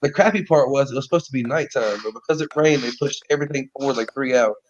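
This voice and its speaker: A man's voice: mid-range voice, fast, lo-fi sound, a little hiss or hum. A man telling a story in casual podcast chat, rambling with lots of "like" and "you know", heard over a remote call.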